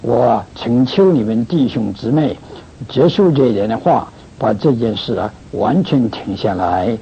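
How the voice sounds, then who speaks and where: A man's voice: mid-range voice, expressive, a little slow, a little hiss or hum. A man giving an earnest, pleading pastoral message to his congregation, drawing out particles between phrases. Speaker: church leader. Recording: dull lo-fi recording.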